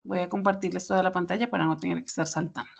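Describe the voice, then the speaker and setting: A woman's voice: lowish voice, fairly even intonation, very fast, creaky. A woman, teaching English pronunciation in an online class, patiently explaining step by step with examples over a video call. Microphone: computer mic on a video call.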